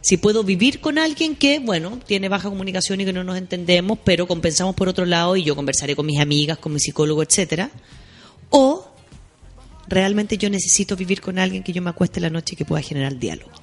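A woman's voice: fairly low pitch, expressive, fast, faint music behind. Reflective Chilean woman co-host. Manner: reflective, explains at length, mild swearing. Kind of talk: casual chat reading listener messages.

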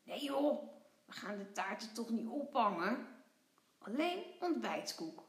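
A woman's voice: a little high, sing-song, unhurried. A woman reading a children's story aloud, voicing a shy, anxious little boy who speaks earnestly. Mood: worried. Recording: echoey room.

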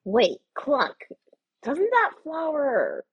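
Comedy rat intern: twitchy, squeaky, theatrical, pitched extremely high. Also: wildly swooping pitch, drawn-out words, muffled recording, exaggerated voice. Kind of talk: comedy script read aloud.

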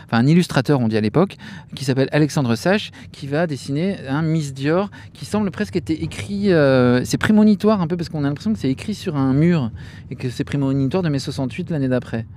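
A man co-hosting a podcast, chatting casually about fashion shows with lively asides and many fillers and restarts. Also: on the high side, a little fast, a little hiss or hum. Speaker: podcast co-host.

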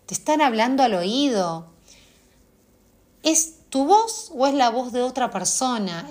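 A woman, hosting and guiding listeners through a self-help exercise, speaking straight to them and asking many questions. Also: fairly high pitch. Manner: coaching, asks many questions directly of the listener. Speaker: host.

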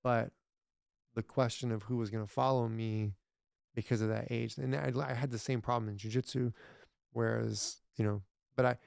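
A man's voice: mid-range voice, fairly even intonation, moderate pace, gravelly, darkish tone, clean tone, no echo, clean studio sound. A man talking as a podcast guest in casual interview chat, rambling with many restarts, blunt and sometimes profane.

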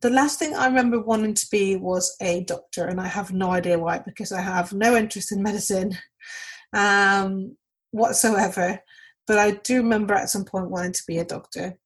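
A woman, a Spanish speaker, answering a list of questions casually with frequent thoughtful pauses and ums. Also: mid-range voice, steady tone, slightly rough, low-quality recording. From Mexico. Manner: thoughtful, pausing often with ums. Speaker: podcast guest.

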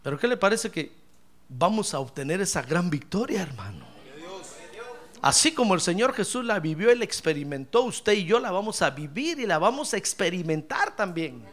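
A pastor delivers an animated sermon, his high, bright voice swinging widely between peaks and low asides. He addresses the congregation as brother, jokes with them, and mimics their complaints. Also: moderate pace. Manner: animated preaching, calls listeners brother, acts out complaints.

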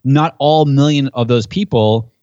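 A man's voice: mid-range voice, a little slow, darkish tone, dry recording. A man, a guest on a podcast, explaining his subject in an enthusiastic, conversational way that gets pumped up as he goes. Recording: dull, dry podcast audio.

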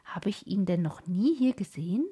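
Woman reading as an excited reminiscing uncle. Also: mid-range voice, moderate pace, breathy edge. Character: grown-up brother, eager storyteller uncle.

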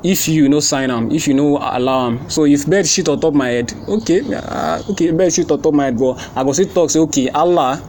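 A man's voice: a little high, a little fast, hardly any pauses, darkish tone, slight background noise. A man with a Nigerian accent in a casual religious discussion in Pidgin, teaching conversationally through paraphrase and everyday examples.

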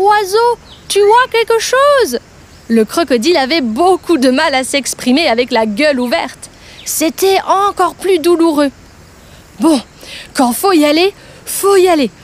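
A woman narrating a children's story in a gentle, clear and expressive way. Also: sits high.

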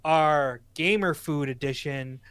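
A man's voice: on the high side, slow, a bit bright, smooth, dry recording. A man with a Boston accent co-hosting a casual podcast, rambling through announcements and correcting himself as he goes. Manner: rambling, promotional, self-correcting. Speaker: podcast co-host.

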